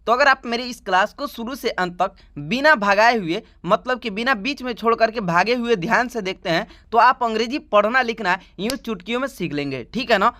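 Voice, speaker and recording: A man's voice: very high voice, lively intonation, a little fast, few pauses, sharp tone. A man teaching English letters in an online lesson, chatty, checking in with "right?" after nearly every phrase. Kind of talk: YouTube lesson, reciting the alphabet.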